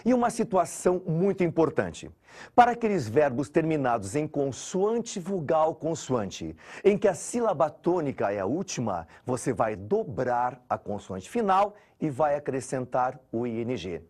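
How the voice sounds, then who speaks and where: Brazilian man, exam-prep grammar teacher, animated pitch, slightly husky, talks to students directly. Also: unhurried. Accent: Brazilian Portuguese. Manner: lively, explains step by step and addresses students directly.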